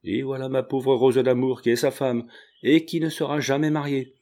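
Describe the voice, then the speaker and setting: A man's voice: mid-range voice, level tone, moderate pace, mellow, natural voice. A man reading an audiobook, voicing a fretful, talkative old peasant mother who laments and exclaims. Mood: dismayed.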